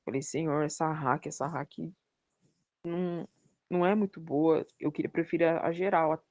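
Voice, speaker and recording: A woman giving a personal religious testimony as a podcast guest, telling her story with lively acted-out dialogue. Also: low-pitched, moderate pace, no room sound, highs cut off. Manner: animated storytelling, acting out the dialogue.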